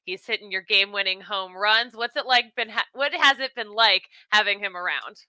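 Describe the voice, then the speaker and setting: A woman's voice: mid-range voice, normal speed, bright, forceful tone, no echo. A woman interviewing a baseball guest in an upbeat, chatty way, with some fillers. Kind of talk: sports interview.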